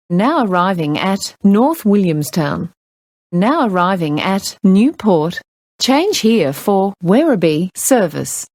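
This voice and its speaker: A woman's voice: medium pitch, a little mellow, no echo. A woman with an Australian accent reading scripted onboard train announcements in formal, segmented phrases, like recorded words spliced together.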